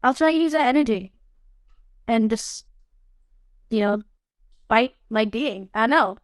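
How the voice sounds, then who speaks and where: A young adult actress with a fairly high, expressive voice speaks unhurriedly on a studio podcast set, with no room sound. Being interviewed, she talks casually and animatedly, frequently saying "you know what I mean."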